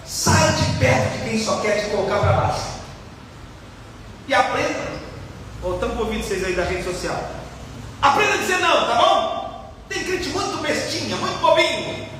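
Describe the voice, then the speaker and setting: A man preaching a lively sermon as a pastor, asking the crowd questions and acting out quotes. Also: very high voice, normal speed, pauses often, a little hiss or hum. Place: church hall. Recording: echoey hall from far off, faint ambience.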